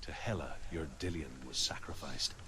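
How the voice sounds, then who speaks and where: An actor playing a grave storyteller of Norse myths in a video game, solemn, measured and portentous. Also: male voice, rumbling low, noisy background. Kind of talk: dramatic mythic narration.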